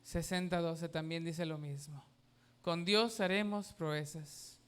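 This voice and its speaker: A man's voice: fairly high pitch, steady tone, slow, fairly bright tone, clean tone. Emphatic male pastor preaching a sermon. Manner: emphatic, asks the congregation questions and has them repeat.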